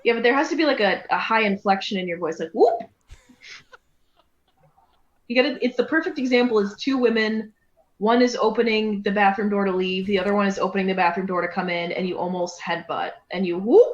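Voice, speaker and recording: A woman's voice: mid-range voice, fast talker. Chatty woman in a roomy room. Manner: talkative, explains with many fillers. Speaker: podcast co-host, therapist. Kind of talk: casual chat. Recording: roomy, dull, slight hiss.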